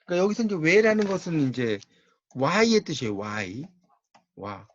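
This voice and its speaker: A man's voice: a little high, sing-song, moderate pace, highs cut off, slight background noise. A man with a Gyeongsang accent giving a university-style lecture on Korean linguistics, explaining patiently and repeating key words.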